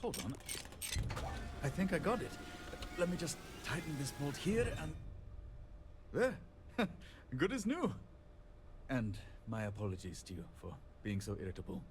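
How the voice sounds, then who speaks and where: A man's voice: a little high, big pitch swings, slight background noise. An actor playing a fretful, apologetic male handyman who rambles and talks himself down, in video game dialogue. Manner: rambling, self-deprecating, quick to apologize.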